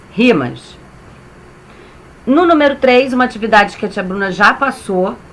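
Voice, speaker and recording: A woman teacher with a Brazilian accent, giving a reading lesson to young children and sounding out syllables clearly. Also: mid-range voice, a bit bright. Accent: Brazilian Portuguese. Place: home, reading from a computer.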